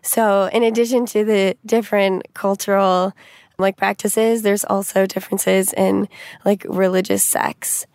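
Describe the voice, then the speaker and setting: A woman's voice: medium pitch, level tone, unhurried, vocal fry, darkish tone, dry recording, clean studio sound. A young woman reflecting on her mixed family background in a thoughtful way, often saying "like". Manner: reflective, with frequent "like". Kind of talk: interview testimony.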